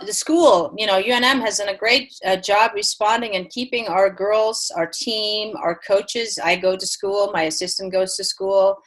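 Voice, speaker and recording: A middle-aged Belgian woman who grew up speaking Dutch and French, a head tennis coach, talks earnestly in a remote interview, with many restarts and fillers. Her voice has a medium pitch and a fairly bright tone.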